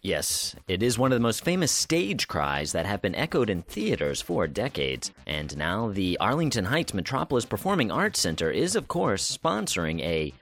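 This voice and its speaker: A man's voice: on the low side, wildly swooping pitch, normal speed, hardly any pauses, fairly bright tone. A man hosting a theater news podcast, reading the week's items in an upbeat, promotional way and often saying "of course.". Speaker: podcast host.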